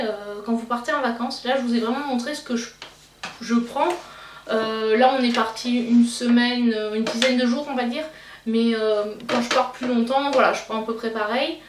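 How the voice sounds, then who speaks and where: A young Belgian woman with a Belgian French accent, chatting casually as a beauty vlogger and pausing often with fillers and restarts. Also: on the high side. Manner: hesitant, many fillers and restarts. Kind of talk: casual chat. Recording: roomy, slightly distant mic, faint noise.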